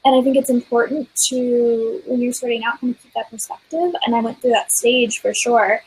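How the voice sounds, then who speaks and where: A woman who is an art business consultant, speaking in a relaxed, reflective way on a video call. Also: a little high, moderate pace, slightly rough, rough recording. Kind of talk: casual video-call chat.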